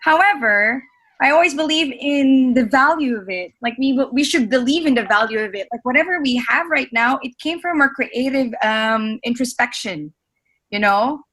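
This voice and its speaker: A woman's voice: high voice, lively intonation, moderate pace, a bit bright. A woman speaking at a webinar, answering an audience question in a conversational way with many fillers.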